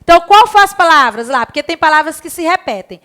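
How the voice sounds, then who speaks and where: Woman teacher, bright clear voice, answers her own pupil questions. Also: very high-pitched, expressive. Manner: slow, stretched-out reading of words and syllables; asks questions in the pupils' voice and answers them herself. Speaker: primary school teacher. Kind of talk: recorded lesson for young children.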